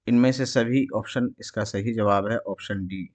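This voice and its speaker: A man's voice: fairly low pitch, fairly even intonation, darkish tone, no echo. A man with an Indian Urdu accent, teaching an exam prep lesson. He reads each question and its options aloud, then explains the answer.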